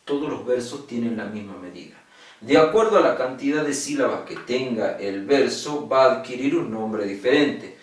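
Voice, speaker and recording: In an online lesson on poetic meter, a patient male secondary school teacher repeats the important words and checks for understanding. He speaks at a normal speed with a medium pitch, his voice distant from the mic in an echoey room.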